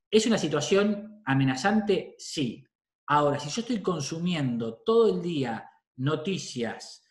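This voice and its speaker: A man's voice: on the high side, reverberant. A middle-aged man with a Rioplatense Spanish accent, a psychologist giving parents an informal talk, often checking in with a questioning "¿sí?". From Argentina. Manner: conversational, often adds a questioning "¿sí?".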